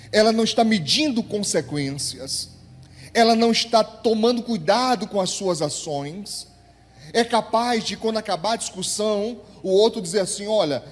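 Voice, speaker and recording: A man preaching as pastor. He draws out key words for emphasis and calls on the congregation to answer him. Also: sits high. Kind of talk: sermon. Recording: long church hall reverb.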